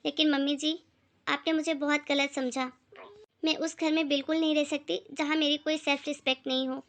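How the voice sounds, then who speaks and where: A young daughter-in-law from a poor family defends her dignity in a bright, high cartoon voice that holds steady and flat, as a woman voices her. She is earnest and self-respecting. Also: fairly quick. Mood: firm.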